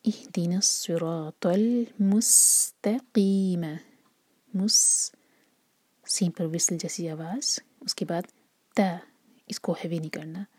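Woman, recitation teacher, husky half-whisper, unhurried, dry close sound. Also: on the low side, steady tone, no room sound. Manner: soft-spoken, often half-whispered, careful and patient. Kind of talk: tajweed lesson with slow recitation examples.

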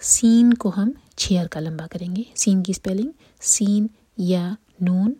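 A woman teaching Quran recitation in a steady whisper, explaining each step slowly and methodically and mixing English terms into her explanations. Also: mid-range voice, husky, no room sound. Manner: whispers throughout, slow and methodical. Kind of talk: whispered tutorial.

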